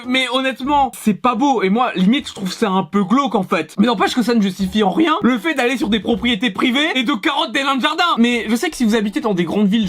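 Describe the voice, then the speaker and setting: Young guy reacting to videos, high voice bouncing all over, swears a ton, super excitable. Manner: excitable, swears often, laughs a lot. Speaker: video creator. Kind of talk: reaction commentary.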